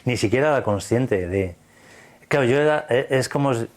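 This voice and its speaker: A man's voice: medium pitch, expressive, normal speed, darkish tone. A man from Spain with a Spanish accent, recounting a personal experience in earnest, vivid detail, quoting the dialogue. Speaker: interview guest.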